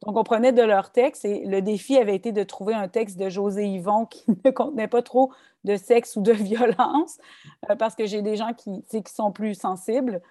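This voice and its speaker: In a clean recording with no room sound, a Québécois-accented woman talks poetry at a normal pace. She's a guest author in a casual interview, thoughtful yet animated, frequently starting over and filling pauses.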